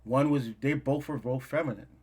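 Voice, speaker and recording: A man hosting a casual podcast debate, speaking in a measured, hedging way and often repeating that he is just saying. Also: mid-range voice, a little mellow, slightly rough. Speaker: podcast host.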